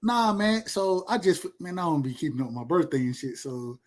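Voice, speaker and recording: Man, 30s, fairly high voice, loose rambling podcast host talk. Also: lively intonation, moderate pace. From Georgia, USA. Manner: laid-back, boastful, rambling with repeats. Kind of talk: casual chat.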